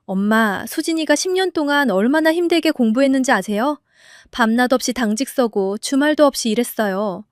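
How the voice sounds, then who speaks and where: A woman voicing an earnest young husband who pleads but stands firm, in a lowered voice. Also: animated, a little fast, no echo, clean studio sound.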